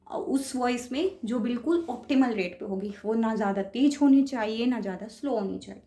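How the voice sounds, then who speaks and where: A woman teacher lectures patiently, sounding out example words and breaking each idea into steps. Her voice sits a little high. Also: a little mellow. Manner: patient, explains step by step with spoken examples. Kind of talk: lecture on speech, mixing Hindi and English terms.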